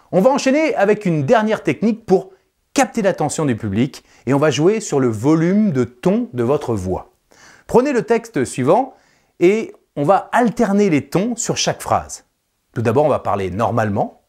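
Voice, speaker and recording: A man leading vocal coaching exercises, encouraging the viewer directly and swinging between loud declarations and soft, confidential tones. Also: a little high, very animated, normal speed. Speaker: speaking coach.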